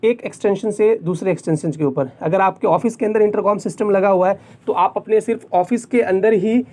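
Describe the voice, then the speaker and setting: With an Indian accent, a man presents a semi-scripted tech tutorial, walking through each step and frequently repeating points for clarity. His voice is high-pitched, a little mellow, and fairly quick.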